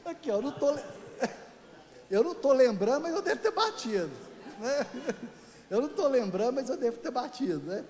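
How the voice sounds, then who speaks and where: Male pastor from Brazil, higher-pitched voice, chatty sermon style with asides to the congregation, echoey church sanctuary. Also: very animated, brisk, pauses often, a little mellow. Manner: conversational, joking with the congregation; addresses listeners as "querido".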